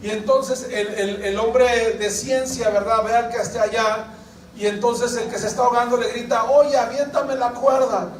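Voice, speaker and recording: Speaking at a normal pace with little pitch movement, a male pastor with a high voice preaches in the church sanctuary, asking questions and coaxing answers from the congregation. The mic sits a bit far off, so the roomy hall echoes and a soft murmur of people lingers in the background.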